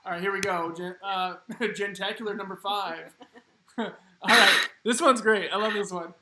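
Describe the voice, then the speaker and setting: Upbeat high-voiced man hosting trivia. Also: fairly even intonation, moderate pace, reverberant, background noise. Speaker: trivia host. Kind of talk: hosting a live-streamed trivia game.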